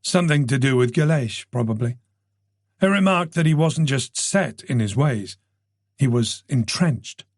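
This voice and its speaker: A man narrating a mystery audiobook in a measured, steady way. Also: mid-range voice, no room sound, clean studio sound. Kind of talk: scripted narration.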